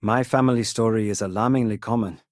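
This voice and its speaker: An actor playing a courteous, kindly young male trader and crewmate in a space video game, speaking in polite, measured, formal phrases. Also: on the low side, steady tone, dry recording, clean studio sound, natural voice. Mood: courteous, earnest. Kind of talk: video game dialogue acting.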